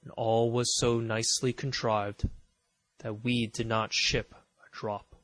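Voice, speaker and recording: A man reading an audiobook, narrating in a measured, even storytelling manner. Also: medium pitch, dry recording, low-quality recording.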